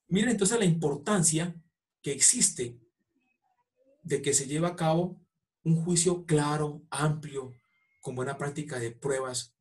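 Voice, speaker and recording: Man lecturing on law, higher voice. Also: darkish tone. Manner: explanatory, acts out courtroom exchanges. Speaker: law professor. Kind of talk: online lecture.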